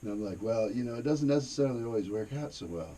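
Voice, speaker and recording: A man's voice: medium pitch, animated, fast, warm tone. A man casually telling rambling, profane anecdotes in a laid-back way, recorded inside a cave. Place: inside a cave during a tour. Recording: noisy cave ambience. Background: cave ambience, noise.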